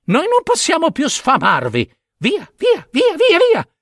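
A man's voice: very high voice, huge pitch swings, measured pace, fairly bright tone, no room sound, clean studio sound, pitched above the performer's own voice, heavily acted. A man doing stern shrieking raven parents. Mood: scolding. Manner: shooing, rising to shrieks.

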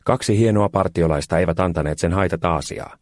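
A man narrating a children's storybook aloud in a plain, unhurried way. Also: low-pitched, darkish tone, no room sound, clean studio sound.

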